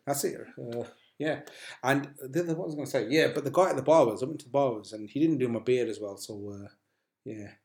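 A man chats as a podcast host, wandering through his thoughts with plenty of uhs and restarts. His voice sits in a middling range. The room gives a clear echo. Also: mid-range voice, fast, a little mellow. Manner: rambling, full of uh and restarts. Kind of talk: casual chat. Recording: echoey room.

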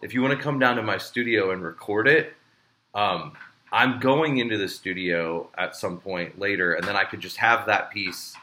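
A man's voice: fairly low pitch, moderate pace, bright, forceful tone, slight background noise. A man hosting a casual podcast chat, rambling with plenty of fillers and restarts. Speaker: podcast host and show promoter.

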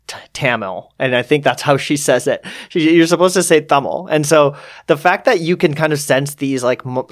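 A young man with a mid-range voice co-hosting a casual podcast. He talks in a thoughtful, measured way and pushes back politely. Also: mid-range voice. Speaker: podcast co-host. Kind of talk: casual chat.

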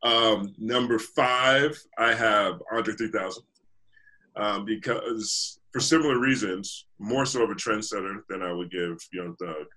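A man's voice: lowish voice, a little slow, sharp tone. A man guest on a podcast, chatting casually and animatedly, laughing often and thinking aloud with fillers. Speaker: podcast guest, hip hop journalist.

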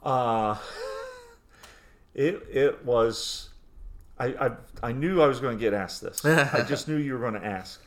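A man's voice: mid-range voice, lively intonation, slow pace, a bit bright. A man in his forties co-hosting a podcast, chatting casually and nostalgically with frequent restarts. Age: 40s. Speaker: podcast co-host. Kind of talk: casual chat.

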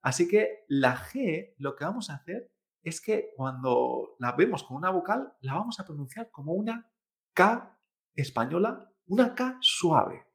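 A man's voice: a little high, lively intonation, a little slow, gravelly. A man, a Chinese teacher, giving a pronunciation lesson, drawing out model syllables and checking in with "¿eh?". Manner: addresses the listener directly, prompting repetition.

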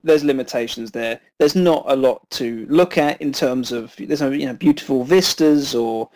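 A man co-hosting a film podcast, calmly and politely arguing his side in casual chat. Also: medium pitch, moderate pace, low-quality recording. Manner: calm, reasoned, disagreeing politely.

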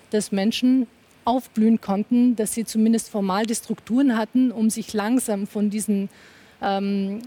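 A woman from Afghanistan argues with passion on a television panel. Her voice is mellow and warm rather than bright. She keeps pressing her point and talks over anyone who cuts in. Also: medium pitch. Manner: insistent, impassioned, talks over interruptions. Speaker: panel guest. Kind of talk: heated TV panel debate.

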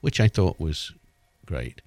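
Older man radio co-host, very deep but lively voice, reflective storyteller, dry studio sound. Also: slow pace, vocal fry, no room sound. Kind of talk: casual chat.

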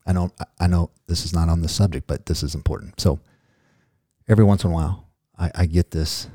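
Man, middle-aged, podcast host, casual rambling chat, low pitch, close dry sound. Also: fairly even intonation, fairly quick, mellow, no room sound. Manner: rambling, jokey, goes off on tangents.

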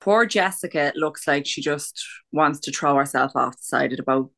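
A woman's voice: deep voice, moderate pace, gravelly, a bit bright. An Irish woman co-hosting a podcast, chatting casually in a blunt, sweary way with an Irish accent. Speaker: podcast co-host. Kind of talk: casual gossip chat.

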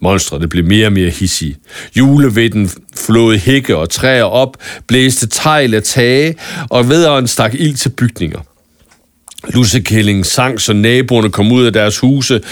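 A man reading a scripted Christmas story aloud in a calm, even storytelling manner with small stumbles now and then. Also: medium pitch, no room sound, clean studio sound. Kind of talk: scripted audiobook narration of a Christmas tale.

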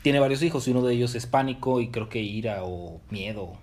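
A man's voice: medium pitch, crowd noise. A man recapping comics in casual chat, briefly acting out the characters' lines. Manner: retells scenes with quick quoted voices.

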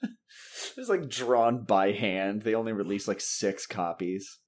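A man hosting a podcast in casual chat, animated, laughing often and swearing freely. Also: on the low side, takes it slowly. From Massachusetts. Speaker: podcast host.

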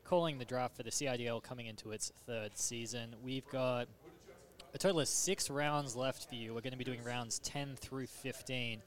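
A man's voice: mid-range voice, steady tone, moderate pace. Chatty man calling a sports draft. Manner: chatty, laughs between stats. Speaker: draft commentator. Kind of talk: casual sports commentary.

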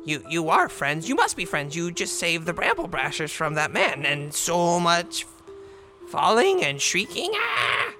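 A man voicing a short goblin woman chieftain with a hoarse, bird-like voice, stammering and repeating words. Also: on the high side, huge pitch swings, measured pace, pushed and bright, faint music behind, heavily acted. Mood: anxious.

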